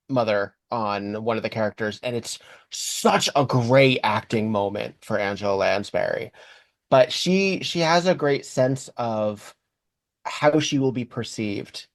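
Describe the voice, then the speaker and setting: A man's voice: medium pitch, dry recording. Brief: male co-host, analytical wry recap talk, dry close-mic sound. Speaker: podcast co-host. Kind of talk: casual episode recap chat.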